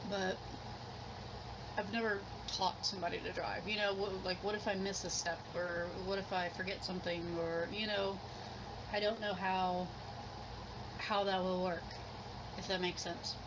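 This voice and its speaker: A woman's voice: medium pitch, little pitch movement, moderate pace, pauses often. Woman chatting casually over muffled, noisy audio. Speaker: mukbang vlogger. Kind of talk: casual chat while eating. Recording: muffled sound with clear background noise.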